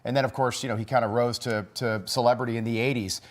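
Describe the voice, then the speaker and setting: A man leads a morning TV news discussion at a steady, middle pitch. He talks casually, doubling back on his words and reaching for fillers as he lays out his points. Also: quick pace. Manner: conversational, with restarts and fillers. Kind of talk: cable news panel discussion.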